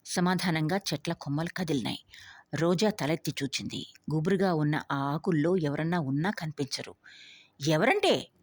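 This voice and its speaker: A woman storyteller narrating a novel aloud in a steady, even manner with a husky voice. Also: deep voice, normal speed, dry recording.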